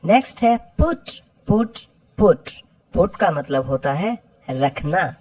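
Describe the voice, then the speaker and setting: A woman teaching English verbs, repeating each example sentence slowly and clearly. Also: fairly low pitch, lively intonation, a little mellow, poor audio. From India. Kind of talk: slow lesson explaining English verbs in Hindi.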